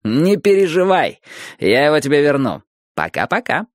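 A man's voice: on the high side, very animated, moderate pace, no room sound, studio quality, pitched above the performer's own voice. A man voicing a boisterous, teasing young man. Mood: playful. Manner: loud, mocking, theatrical. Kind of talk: audiobook character voice.

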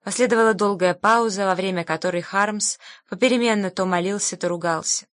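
A woman reading an audiobook in a calm, even narration. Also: mid-range voice, fairly quick, no echo, clean studio sound.

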